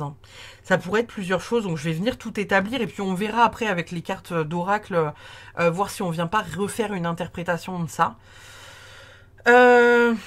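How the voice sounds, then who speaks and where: A woman giving a casual tarot reading, chatty and warm in tone, with many fillers and restarts. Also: fairly low pitch. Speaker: tarot card reader.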